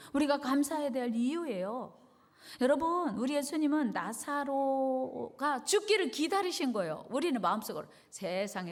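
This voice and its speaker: A middle-aged woman pastor preaching a sermon, telling the story in lively fashion and acting out the voices of its characters. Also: on the high side. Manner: animated storytelling, acting out biblical voices with big swings.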